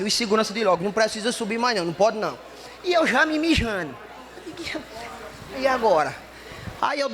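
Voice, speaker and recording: A man telling a story in stand-up comedy, lively and acting out the dialogue. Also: very high-pitched.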